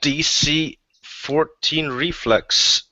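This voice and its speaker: A man playing at a tabletop game, his voice bright and a little sharp. He talks casually, explaining his spells and the rules as he goes. The audio is dry and dull, lo-fi. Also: a little high, drawn-out words, no room sound. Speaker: player.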